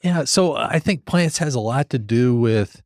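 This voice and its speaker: A man's voice: mid-range voice, expressive, measured pace, a little mellow, no echo, studio quality. A man hosting a podcast, explaining things in a casual, conversational way. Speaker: podcast host, landscape architect.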